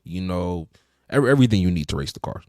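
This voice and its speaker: A young man with a deep, low voice talks cars in a relaxed, rambling way, leaning on filler words. The sound is close and dry, with no room around him. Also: fast, no room sound. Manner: laid-back, many fillers like "you know". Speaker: podcast co-host. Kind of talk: casual car chat.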